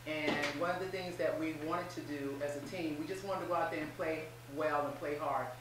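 A woman's voice: low voice, steady tone, fairly quick. A middle-aged woman, a head basketball coach, speaking upbeat and emphatic in a post-game press interview at a table mic. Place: small room with posters, seated at a table. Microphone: table mic on a stand, voice picked up from off the mic. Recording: very echoey room, distant mic, faint hum.

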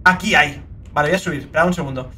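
A young man with a Spain Spanish accent doing let's play commentary, excitable and swearing a lot, with sudden shrieking outbursts. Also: fairly high pitch, fast, slight background noise. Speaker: gaming video creator.

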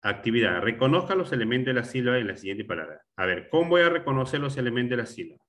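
A male teacher giving a classroom grammar lesson, explaining step by step, repeating words and often checking with a quick question. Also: medium pitch, big pitch swings, fairly bright tone.

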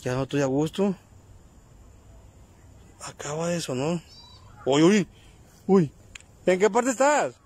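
A man with a Mexican accent films himself in a cemetery at night, calling out questions to an unseen spirit. His voice is husky and sits a little high, and his delivery is hushed and nervous. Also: very animated, slow pace, pauses often. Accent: Mexican Spanish. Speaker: paranormal vlogger. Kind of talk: night ghost-hunting vlog.

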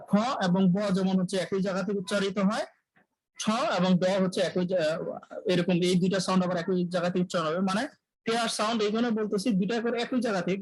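A man teaching English pronunciation in a live online lecture, drilling sounds by repeating them and often clearing his throat. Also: high voice, no room sound, rough recording. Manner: clears throat often, self-corrects mid-sentence.

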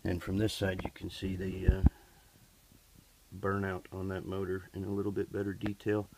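A man explaining a furnace repair while he works, his voice low and unhurried with little rise and fall. He talks in a practical, matter-of-fact way, full of little fillers. The handheld camera audio carries a clear layer of noise behind him. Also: completely flat delivery. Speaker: HVAC technician. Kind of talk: hands-on repair tutorial. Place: basement furnace area and workshop floor. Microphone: camera held by the speaker while working.

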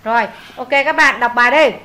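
A woman's voice: fairly high pitch, a little fast, bright, forceful tone. A Vietnamese woman teaching an English lesson in a classroom, reading lines aloud, translating them and drilling vocabulary with repetition.

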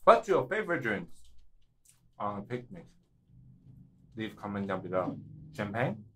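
A man's voice: lowish voice, sing-song, unhurried, bright, forceful tone, a little hiss or hum. A man hosting a casual mukbang vlog at a table at home, upbeat and playful, often chuckling. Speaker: vlogger host.

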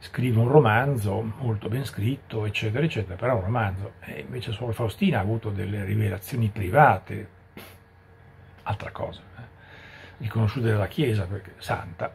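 A man's voice: fairly low pitch, normal speed, gravelly, a little mellow, slight background noise. A man giving a catechesis talk as a preacher, speaking conversationally with frequent rhetorical asides.

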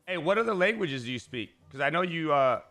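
A man's voice: on the high side, big pitch swings, a little fast, bright, forceful tone, faint music behind. A man in his thirties hosting a casual gaming chat on a headset, teasing playfully and talking in slang. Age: 30s. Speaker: streamer host. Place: streaming room, indoors.

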